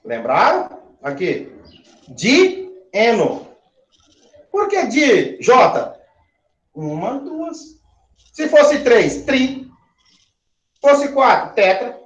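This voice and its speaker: A man's voice: extremely high pitch, wildly swooping pitch, drawn-out words, pauses often. A male chemistry teacher, giving a classroom lecture, asking the class questions and spelling out syllables as he counts aloud. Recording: roomy, dull-sounding classroom recording.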